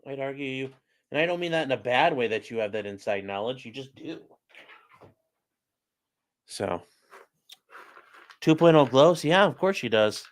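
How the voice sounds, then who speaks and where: During a casual livestream, a male streamer and legal commentator builds a model while reading and answering viewer comments, talking directly to chat in a joking, sarcastic, offhand manner. His mid-range voice is expressive, at normal speed, with frequent pauses.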